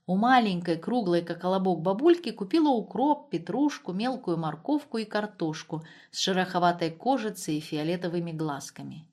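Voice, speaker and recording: A woman narrating a story aloud in a calm, even manner. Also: on the low side, moderate pace, hardly any pauses.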